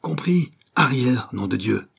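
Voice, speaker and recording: A man's voice: medium pitch, lively intonation, unhurried, pitched above the performer's own voice, exaggerated voice. Man roaring as a savage young brawler. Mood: furious. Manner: shouting, hoarse roars. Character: seventeen-year-old male street brawler, savage and furious.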